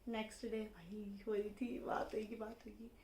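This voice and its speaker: A young woman casually telling the story of how she met her husband, in a lively conversational way. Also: medium pitch, a little slow, gravelly. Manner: chatty, animated, acts out dialogue in quotes. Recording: roomy echo with faint background noise.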